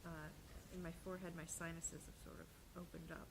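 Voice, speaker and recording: A woman's voice: fairly low pitch, flat delivery, fast talker. A middle-aged woman giving hesitant, unscripted feedback as a volunteer during a demonstration. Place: lying on a table on a theatre stage. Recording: clear background noise, stage ambience.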